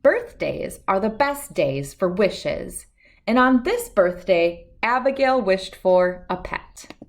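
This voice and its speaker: A children's picture book is read aloud by a woman with a mid-range voice, who takes it slowly and tells the story expressively.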